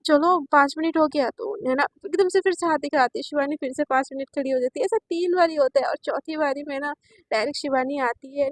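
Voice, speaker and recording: A woman's voice: high voice, dry recording. A woman narrating a romance story in a chatty, casual storytelling manner with many fillers. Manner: chatty, filler-heavy retelling.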